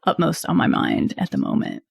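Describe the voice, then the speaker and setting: A woman's voice: fairly quick, dry recording. Woman copywriter guest, dry close sound. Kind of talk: casual interview chat. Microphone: video call.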